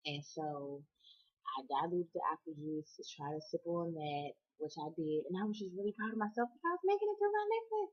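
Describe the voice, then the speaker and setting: Husky-voiced woman, chatty vlog. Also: low voice, highs cut off. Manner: chatty, rambling with many fillers. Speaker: vlogger. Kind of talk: casual vlog talk to viewers.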